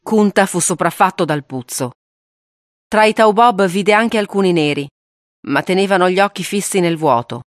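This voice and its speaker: A woman reading a novel aloud in a steady, grave audiobook narration. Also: on the low side, moderate pace, no echo, clean studio sound.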